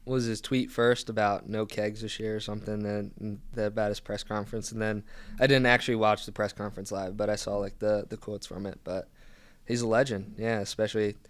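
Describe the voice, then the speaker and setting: A man's voice: on the low side, little pitch movement, brisk, hardly any pauses, no room sound. A young man from Philadelphia, a podcast guest chatting casually with lots of "um"s and restarts. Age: young adult. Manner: easygoing, many "um"s and restarts. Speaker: guest, pro soccer player.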